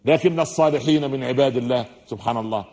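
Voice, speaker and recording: A man with an Egyptian accent giving a religious lecture in a hall, talking fast and mixing formal and everyday speech as he asks the audience questions. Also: medium pitch, a little mellow. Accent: Egyptian Arabic. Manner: fast-talking, says listeners are used to his speed.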